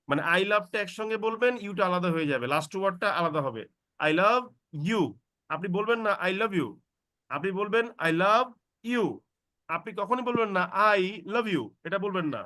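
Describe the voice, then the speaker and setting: A man teaching an online English class, explaining rules slowly and drawing out example sentences to model how they sound. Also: sits high, sharp tone, dry recording, studio quality.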